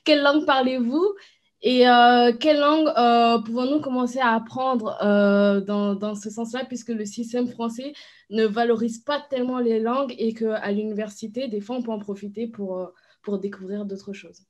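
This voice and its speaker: A woman moderating a student question session, asking polite, halting questions with many fillers. Her voice sits fairly high. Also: steady tone. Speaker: student host. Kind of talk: moderating an online Q&A.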